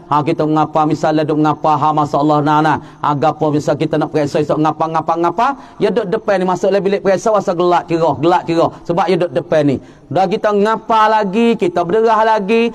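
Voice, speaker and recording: Brief: middle-aged male preacher, high-pitched voice, emphatic and repetitive cadence. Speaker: religious teacher. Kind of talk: Islamic sermon.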